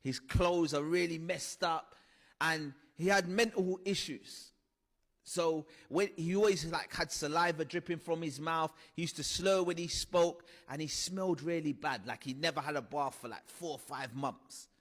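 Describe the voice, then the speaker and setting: A man gives a personal testimony talk, telling his childhood story with earnest conviction and acting out scenes as he goes. His voice is high for a man. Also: normal speed, fairly bright tone, in a large hall. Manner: earnest storytelling with vivid re-enactments. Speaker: speaker sharing his life story.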